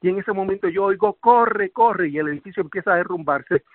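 A man's voice: sits high, fast, no room sound. A man giving an emotional first-person survivor's account in an intense, vivid way. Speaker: survivor interviewee. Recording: tinny phone line.

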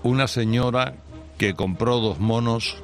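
A man hosting a radio talk show, presenting in a measured and slightly halting way. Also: mid-range voice, soft background music. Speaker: radio host.

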